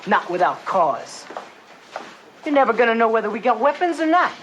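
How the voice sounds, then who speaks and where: An actor playing a cocky, defiant teenage gang leader in a TV comedy, brash and insolent. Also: male voice, very high-pitched, very animated, moderate pace, a bit bright, heavily acted. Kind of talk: TV comedy acting. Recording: noisy TV soundtrack.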